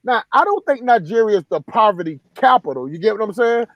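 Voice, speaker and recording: High-voiced man hosting a live stream. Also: animated, fast, no echo, dull audio. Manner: rambling, many restarts and "you know what I'm saying". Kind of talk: casual live stream talk.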